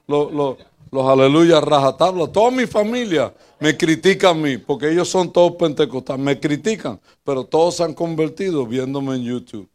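An older man with a Puerto Rican accent, preaching in a church as pastor and telling funny personal stories, jumping between loud bursts and quiet asides. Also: moderate pace. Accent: Puerto Rican Spanish. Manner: lively, joking storyteller who swings between loud bursts and low asides.

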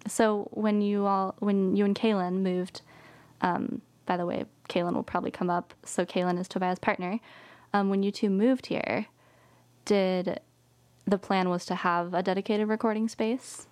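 Woman podcast host, casual and chatty, with a mellow, flat delivery. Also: medium pitch, normal speed. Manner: chatty, laughs often, frequent ums. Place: small home recording studio.

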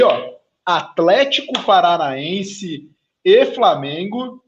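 High-voiced Brazilian man on a muffled, lo-fi stream. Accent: Brazilian Portuguese. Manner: casual, chatty, hands off to co-hosts. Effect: low-quality online stream audio. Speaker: sports show host. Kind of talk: live online football talk stream. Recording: dull lo-fi stream audio.

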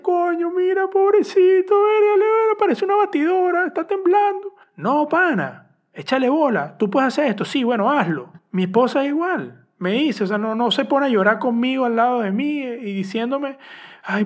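High-voiced Venezuelan man in his thirties. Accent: Venezuelan Spanish. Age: 30s. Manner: candid, earnest, talks straight to listeners. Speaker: podcast host. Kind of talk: personal podcast monologue.

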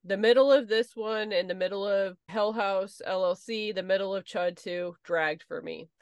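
Measured woman podcast co-host, dry sound. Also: medium pitch, smooth, dry recording, muffled recording. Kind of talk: casual chat reviewing movies.

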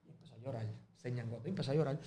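A man with a Puerto Rican Spanish accent, a guest telling animated stories in an interview and acting out the voices of the people in them. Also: medium pitch, very fast, slight background noise. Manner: acts out quoted voices, swings loud and soft. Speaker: music promoter and guest.

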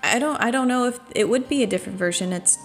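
A woman's voice: a little high, quick pace, faint music behind. A woman co-hosting a casual podcast, explaining and summarizing in an easygoing way, with the odd swear word. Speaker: podcast co-host. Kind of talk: casual conversational discussion.

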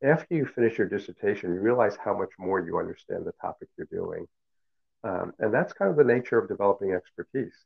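Over a narrow, tinny line that sounds like a phone, a middle-aged professor whose mother tongue is Cantonese answers interview questions. His low, gravelly voice has lively intonation, and he speaks slowly and reflectively with plenty of fillers and restarts.

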